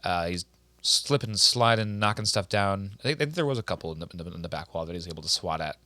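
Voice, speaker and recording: A man's voice: deep voice, expressive, quick pace, bright, forceful tone, no room sound. A man co-hosting a casual sports podcast, making crude jokes and laughing a lot, close to the mic. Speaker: podcast co-host.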